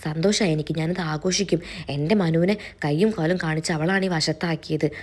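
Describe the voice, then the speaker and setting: A woman's voice: deep voice, steady tone, a little fast, a little mellow. A woman voicing a spiteful middle-aged woman who gloats scornfully. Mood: gloating.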